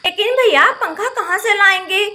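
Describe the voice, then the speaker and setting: A woman voicing a lively, impatient young village girl who keeps urging others on, in a doll-play story. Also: very high-pitched, normal speed. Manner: pushy, urging.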